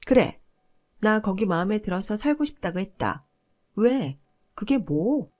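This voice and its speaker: A woman's voice: animated, measured pace, mellow, natural voice. A woman voicing a bossy, entitled older sister-in-law who scolds and talks down to others. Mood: shrieking. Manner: shrill, scolding, condescending.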